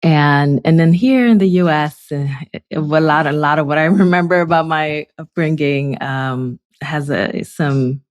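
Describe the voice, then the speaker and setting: A low-voiced woman from the Dominican Republic, a psychologist appearing as a podcast guest. She speaks thoughtfully, stopping often to find her words. The sound is dry and close to the mic. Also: no echo. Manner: thoughtful, with frequent fillers and pauses. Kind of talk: casual podcast interview.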